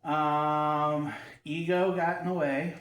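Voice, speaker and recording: A man's voice: on the high side, level tone, takes it slowly, fairly bright tone. Man, guest, casual chat, blunt, laughs easily, far from phone, echoey room. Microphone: phone across the room, no mic.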